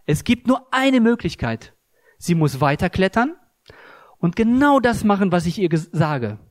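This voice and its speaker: A man's voice: high-pitched, sing-song, measured pace, no room sound, studio quality. A man giving an earnest, emphatic sermon, telling a story and explaining a Bible passage. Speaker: preacher.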